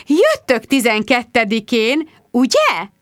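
A woman's voice: a little high, huge pitch swings, dry recording, studio quality, voice pushed up. A woman reading an audiobook and voicing a pushy, overeager society woman who trills and gushes effusively. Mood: gushing. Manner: trilling, effusive, breathless gushing.

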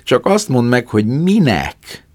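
A man voicing a grumbling, mocking vulture in a sneering, raised voice. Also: sing-song. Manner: sneering, high and loud.

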